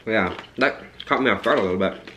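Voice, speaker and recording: A man's voice: fairly low pitch, quick pace, pushed and bright, slight background noise. A man talking while chewing, chatting in an easygoing way during a family meal video. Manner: easygoing, agreeable, short replies. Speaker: parent co-hosting a family eating video. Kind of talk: casual chat over a meal.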